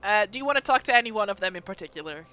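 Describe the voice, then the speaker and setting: A woman with a mid-pitched voice runs a tabletop game as game master. She improvises her narration as she goes. The audio is a little dull and lo-fi. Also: animated, racing, pushed and bright.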